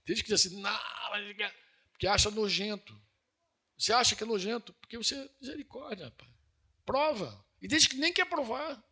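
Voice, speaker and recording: A man preaching with a Brazilian Northeastern accent. His voice sits high and bright with a husky, breathy edge. He talks to his congregation in an earnest, conversational way, full of questions, and climbs to emphatic peaks. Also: very animated, fast talker. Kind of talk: sermon.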